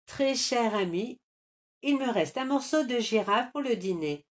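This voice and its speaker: A woman's voice: fairly high pitch, animated, measured pace, voice pushed up. A woman voicing a sly, cheerfully greedy male crocodile in a sing-song, lilting way. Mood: gleeful.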